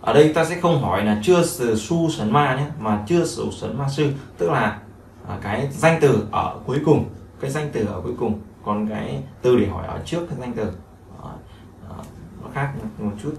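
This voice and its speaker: A man's voice: mid-range voice, expressive, moderate pace, creaky, a little mellow. A man, teaching a language lesson and explaining each phrase over and over with many fillers. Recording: echoey room, mic at a distance, faint noise.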